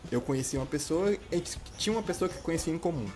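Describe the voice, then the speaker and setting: A man co-hosting a podcast, telling a story in a relaxed, rambling way. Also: on the high side, racing. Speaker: podcast co-host. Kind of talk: casual storytelling chat.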